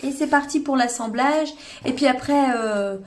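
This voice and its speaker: A woman's voice: sits high, moderate pace, a little hiss or hum. A French woman leading a live paper-craft tutorial, chatting to viewers by name, with many fillers and restarts. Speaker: craft demonstrator. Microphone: livestream webcam or phone.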